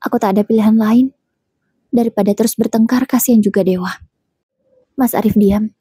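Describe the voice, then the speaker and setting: A woman narrating a first-person domestic drama in a steady, measured storytelling voice. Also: on the high side, husky, no room sound, clean studio sound.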